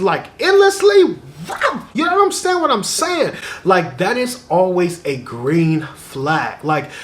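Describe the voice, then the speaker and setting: High, animated young man giving dating advice. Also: noisy background. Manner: animated, chatty, laughs while talking. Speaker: dating vlogger. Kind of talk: casual advice vlog.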